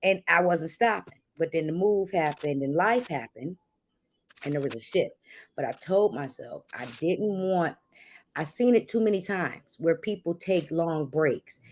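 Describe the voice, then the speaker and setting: Low-voiced woman in motivational livestream chat. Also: animated, unhurried, a little mellow. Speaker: livestream co-host, content creator.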